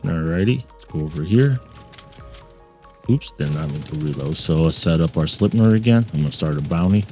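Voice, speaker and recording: A man's voice: a bass voice, expressive, moderate pace, mellow, soft background music. A man hosting a gaming channel, giving playful gameplay commentary and repeating his catchphrases, recorded at a desk mic in a home gaming setup.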